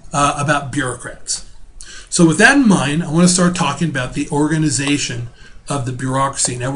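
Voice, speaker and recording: A middle-aged man teaching a relaxed recorded video lecture from home, talking casually with fillers and restarts. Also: a little high. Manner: spells out terms slowly.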